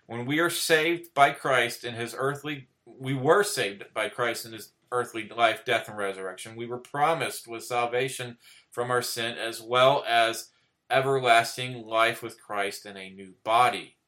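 Bright-voiced preacher man saying "okay?". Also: medium pitch. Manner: earnest, repeats "okay?" after most points; reads scripture aloud in old-style wording. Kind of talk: sermon.

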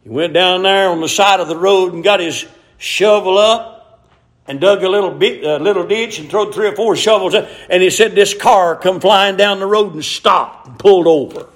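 A middle-aged man preaching a sermon, telling folksy stories and rising to shouted emphasis. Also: sits high, moderate pace.

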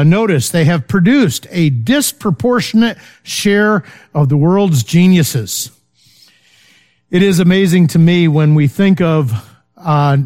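This Bible study teacher is a man whose voice is a little high with a darkish tone. His delivery is loose and filler-heavy, and he repeatedly checks on listeners with "okay?"

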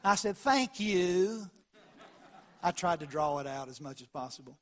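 A man's voice: fairly high pitch, fast talker, pushed and bright. A man with a Southern US accent preaching in a folksy, down-home storytelling style, with a drawl and acted-out bits of dialogue. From American South. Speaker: pastor preaching.

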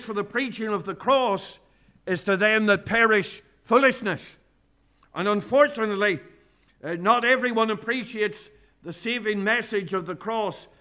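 A man preaching a sermon as pastor, speaking in slow, earnest phrases that rise on each point, and reading out old-style scripture. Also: high-pitched, bright, forceful tone. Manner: quotes King James scripture aloud.

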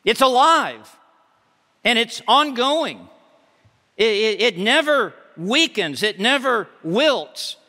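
A man's voice: extremely high pitch, sing-song, takes it slowly, pushed and bright. A male pastor preaching a sermon from the pulpit, emphatic and repeating words for force. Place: church sanctuary. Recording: reverberant hall.

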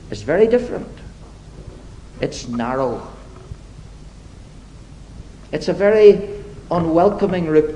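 A man preaching a sermon to his congregation, deliberate and emphatic, slipping into wry, self-deprecating asides. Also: a little high, mellow, slight background noise, rough recording.

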